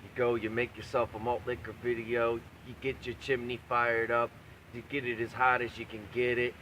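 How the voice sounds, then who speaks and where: A man's voice: mid-range voice, monotone, moderate pace, bright, forceful tone, a little hiss or hum, rough recording. A man talking casually and profanely like a video blogger, brash and crude, hammering points home by repeating himself. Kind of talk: profane, casual rambling rant to camera.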